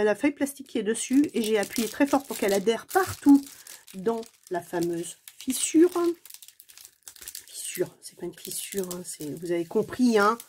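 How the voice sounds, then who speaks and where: Unboxing a craft kit at home, a diamond painting vlogger chats casually with her viewers, exclaiming often, using many fillers and playfully poking fun at herself. Her mid-range voice is a little mellow, with slight background noise.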